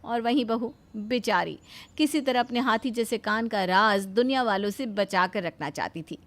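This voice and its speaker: A woman narrating a cartoon story in an expressive storytelling manner. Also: fairly high pitch, moderate pace.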